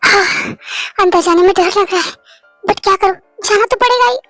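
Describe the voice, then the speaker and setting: A woman's voice: very high-pitched, moderate pace, a bit bright, no echo, faint music behind. A woman voicing a shy, flustered young woman employee who stammers. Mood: chatty. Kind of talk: Hindi fan-story voice acting.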